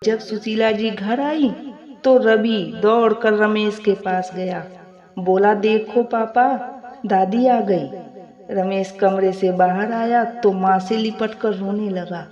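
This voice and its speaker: A woman's voice: mid-range voice, steady tone, takes it slowly, darkish tone. A woman narrating a moral family story in plain, moralizing storybook narration. The recording is echoey and slightly muffled.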